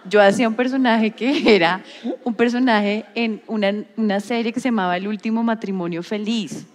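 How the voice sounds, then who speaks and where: Laughing actress telling stories. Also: female voice, mid-range voice, moderate pace, big-room sound. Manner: animated storyteller, acts out voices, laughs often. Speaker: actress, interview guest. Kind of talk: anecdote telling in an interview.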